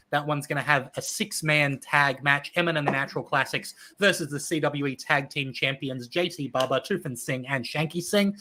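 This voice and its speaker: Excited Australian man hyping a wrestling card. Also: on the high side. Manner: rattles off event listings with excited emphasis. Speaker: wrestling podcast host. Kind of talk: casual podcast chat.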